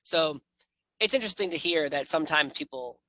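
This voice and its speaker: A man hosting a casual interview, talking in an animated, emphatic and conversational way. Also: on the high side, a little fast, dry recording. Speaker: interview host.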